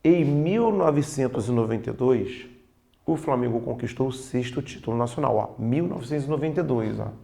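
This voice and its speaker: Gravelly Brazilian grammar teacher. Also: male voice, medium pitch, lively intonation, dark tone. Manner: casual, peppered with "ó", slows down for key points. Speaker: Portuguese teacher. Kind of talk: online exam-prep grammar lesson.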